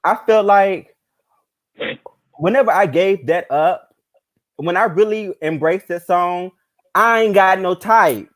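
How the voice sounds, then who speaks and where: A man with a somewhat high voice talks in a relaxed podcast chat. He hesitates a lot, restarting sentences and filling gaps with "um". The pitch sits a bit above most men. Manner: halting, many fillers and restarts.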